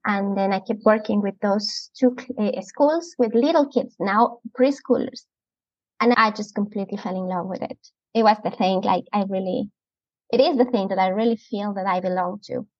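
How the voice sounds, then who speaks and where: A woman's voice: mid-range voice, moderate pace, dry recording. A woman in her thirties from Ecuador with a Latin American Spanish accent, a chatty and enthusiastic outdoor preschool educator talking as an interview guest. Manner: enthusiastic, chatty, laughs often. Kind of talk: casual interview chat. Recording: muffled lo-fi podcast audio.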